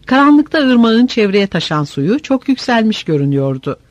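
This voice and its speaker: A man reads an audiobook in a steady, measured way. His voice is high and moves a lot in pitch. The recording is close and dry. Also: no room sound, lo-fi sound. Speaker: audiobook narrator. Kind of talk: scripted narration.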